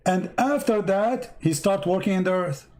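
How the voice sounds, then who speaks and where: High-voiced man pressing a caller. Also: moderate pace, a little mellow. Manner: pressing, repeats questions, addresses caller by name. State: losing his voice. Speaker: debate host. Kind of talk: live debate, reading verses to a caller.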